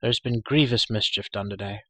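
A man voicing a proud, cruel sorceress queen in an audiobook reading, silky and coaxing, turning shrill when enraged. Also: fairly quick, sharp tone, no echo. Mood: pitying. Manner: silky, then shrill and raging.

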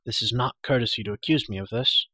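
A man reading a cruel, proud sorceress queen in an audiobook, silky and coaxing with a bright, forceful edge. Her voice sits a little higher than his low narration, in a dry, close recording. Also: quick pace, slightly rough, no room sound. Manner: silky, then shrill and raging.

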